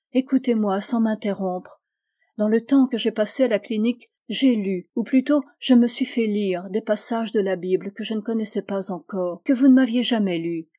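A woman's voice: medium pitch, dark tone, lightly acted. A woman voicing an anguished, fervent young woman who was once blind, speaking with pleading intensity that rises to vehemence, in an audiobook.

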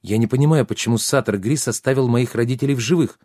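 A man's voice: medium pitch, fast talker, dark tone, dry recording, studio quality, close to an everyday voice. Man voicing a meek young apprentice wizard. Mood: uneasy. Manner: pleading, plaintive, hesitant.

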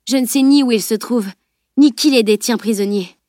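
A woman's voice: on the high side, a little fast, mellow, dry recording, studio quality, close to an everyday voice. Woman voicing an earnest teenage girl. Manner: earnest, reasoning aloud. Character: determined teenage girl, young magic-user.

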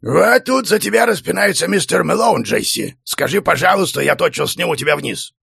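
A man's voice: on the high side, animated, moderate pace, creaky, fairly bright tone, breathy edge, no echo, clean studio sound, pitched above the performer's own voice, full character voice. A man voicing a bullying, sarcastic middle-aged professor who growls and mocks. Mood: mocking.

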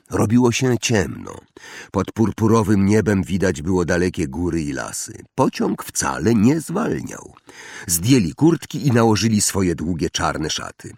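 A man reading an audiobook aloud in a measured, expressive way. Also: sits low, creaky, breathy edge, no echo, clean studio sound. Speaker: audiobook narrator. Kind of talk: audiobook narration.

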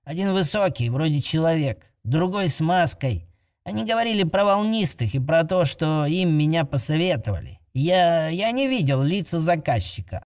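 Squeaky old goblin trader, nervous, stammering, very high voice, storybook figure. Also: male voice, sing-song, normal speed. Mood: frightened.

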